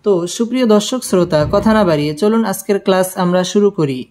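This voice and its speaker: A man teaching tajweed who spells each word of a verse letter by letter, then recites it slowly and repeats it. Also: high voice, darkish tone. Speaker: Quran teacher.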